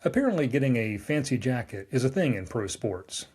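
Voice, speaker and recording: A man's voice: mid-range voice, very animated, a little fast, a little mellow, breathy edge. A man, a lawyer reading a scripted explainer with wry, dry asides. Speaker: trademark lawyer recapping a newsletter.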